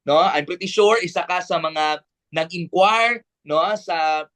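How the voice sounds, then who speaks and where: A Filipino man giving an energetic online sales presentation, tagging nearly every line with a quick question to the listener. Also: a little high. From Bukidnon, Philippines. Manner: peppers lines with tag questions; energetic, persuasive.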